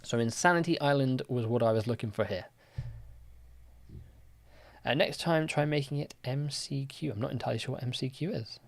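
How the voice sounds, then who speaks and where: Relaxed and talkative, a young quiz host on a livestream reads out chat questions and responds, filling gaps with lots of fillers. He has a medium-pitched, gravelly voice, a moderate pace, and frequent pauses.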